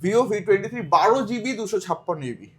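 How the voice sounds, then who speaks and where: A man with a Kolkata Bengali accent pitching secondhand phones, rattling off prices and repeating the condition of each one. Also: lively intonation, a little hiss or hum. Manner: rapid repetitive price listing. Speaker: phone seller. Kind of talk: sales pitch.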